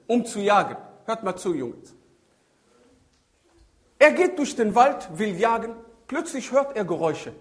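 A man giving a religious talk as a preacher, telling stories animatedly and adding Arabic religious phrases. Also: high voice. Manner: animated storytelling with shifting emphasis. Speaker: Islamic preacher. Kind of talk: religious talk on child-rearing.

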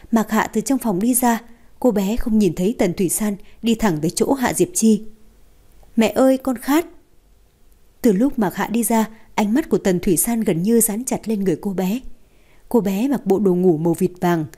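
A woman narrating a romance novel in an even, steady storytelling voice. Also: mid-range voice.

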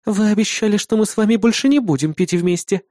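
A man's voice: high voice, fast talker, a little mellow, no echo, studio quality, voice pushed up, lightly acted. A man voicing a coy, teasing young woman.

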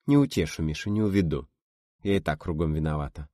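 A man voicing a bold, blunt, energetic young woman in an audiobook reading. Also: very deep voice, quick pace, dry recording, clean studio sound. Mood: brash. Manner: snappy, bold, mocking. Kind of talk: audiobook character voice.

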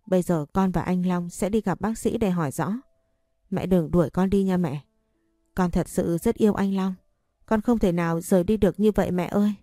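A woman's voice: on the low side, moderate pace, warm tone, no echo, close to an everyday voice. A woman voicing a young wife who begs and stammers through tears in a storybook reading. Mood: pleading. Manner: stammering, begging. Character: young wife, tearful and pleading.

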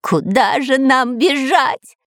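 Woman doing a cowardly spy, whiny, grumbling, a bit high, dry sound. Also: wildly swooping pitch, brisk, no room sound. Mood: panicked.

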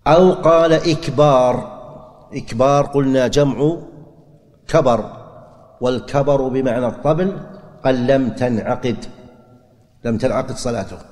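Male religious teacher, mid-pitched, methodical and repetitive delivery, long hall reverb. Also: a little mellow. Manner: deliberate explaining, repeats key phrases, asks and answers his own questions. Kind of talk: classroom lecture on religious rulings.

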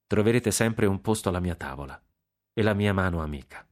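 A man reading aloud, voicing a grave older male general with a hoarse voice who speaks low. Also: animated, fairly quick. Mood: sombre.

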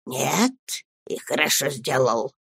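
A reader voicing a fat, cruel schoolmaster who can only speak in a strained, menacing whisper, in an audiobook reading. The lines come slow and pressed. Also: mid-range voice, lively intonation, gravelly, no room sound, clean studio sound, exaggerated voice.

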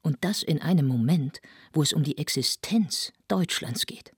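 A woman voicing a sober, skeptical man giving a dry, ironic account, with a slightly husky voice. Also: low voice, animated, moderate pace, no room sound, exaggerated voice.

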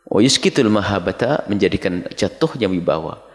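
At a dawn sermon, a middle-aged male preacher reads short Arabic lines from a text and explains each one, calling his listeners his children. His low voice moves at normal speed but swings widely and animatedly in pitch. Long reverb from a big hall trails every phrase.

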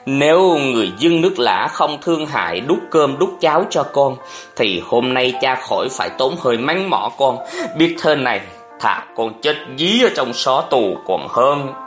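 A man's voice: mid-range voice, expressive, fast, a bit bright, faint music behind, natural voice. A sullen young man mutters his resentment in grumbling, bitter lines, voiced plainly by a man reading a novel. He sounds weary and wounded.

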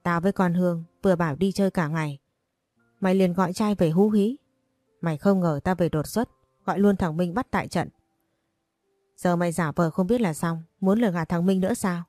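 A venomous old mother-in-law hurls insults in a quick, relentless stream, as a woman narrator puts her on. The voice sits low and mellow, with dry, close sound. Faint music runs underneath. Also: dry recording, natural voice. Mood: scolding. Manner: rapid, abusive ranting.

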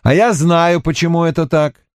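A man voicing a sardonic, prickly army officer who taunts others, at times in a squeaky falsetto, in an audiobook. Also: moderate pace, no echo, studio quality, lightly acted. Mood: mocking. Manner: mocking, switches to a squeaky falsetto. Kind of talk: audiobook character reading.

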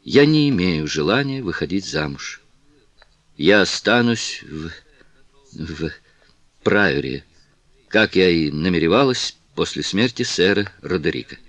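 A man reading the lines of a distressed young noblewoman, with soft, halting pleas, in an audiobook. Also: sits low, lively intonation, no room sound. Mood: pleading.

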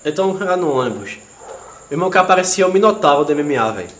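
A man, co-hosting a comedy podcast and telling stories in a slangy, animated way that gets loud and laughing at the peak. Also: a little high, fast talker. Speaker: podcast co-host. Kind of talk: comedic storytelling chat. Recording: echoey room with faint noise.

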